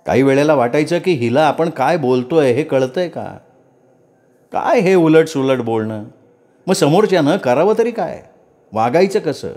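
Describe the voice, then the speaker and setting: A man reading a story aloud in an expressive first-person narration. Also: a little high, unhurried.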